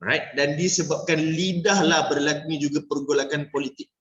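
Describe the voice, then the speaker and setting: Here a business sales coach with a Malaysian accent teaches a workshop to a live class in a brisk, fairly high, slightly bright voice that barely moves in pitch. Going back and forth between Malay and English, he checks in with "alright?" after most points and acts out short dialogues in a playful way. The recording is dull and lo-fi, in a room full of echo.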